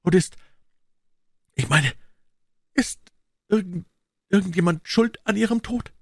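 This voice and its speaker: A man's voice: high voice, unhurried, gravelly, a little mellow, husky, no echo, clean studio sound, pitched above the performer's own voice, heavily acted. A man voicing a young, shy, grief-stricken male officer who pleads and stammers. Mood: anxious.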